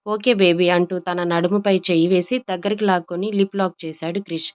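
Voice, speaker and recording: Smooth-voiced woman narrating an audio story, a bit muffled lo-fi sound. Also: on the low side, fast. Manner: smooth even storytelling, acting out all characters.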